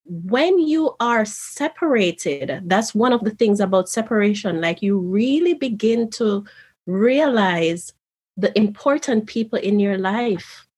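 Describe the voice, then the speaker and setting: Reflective woman, husky voice. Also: mid-range voice, lively intonation, takes it slowly, a little mellow. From Jamaica. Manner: reflective, earnest storytelling. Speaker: interview guest, author. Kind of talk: conversational interview.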